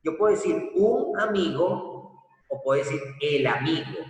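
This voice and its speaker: A man teaching a recorded grammar lesson, explaining slowly and deliberately and asking rhetorical questions. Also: fairly high pitch, animated. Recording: echoey room from far off.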